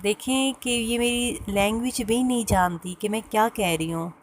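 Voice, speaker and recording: A woman tells a personal story in a casual, hesitant way, pausing often with fillers and restarts. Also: fairly high pitch, a little hiss or hum. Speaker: vlogger sharing a personal story.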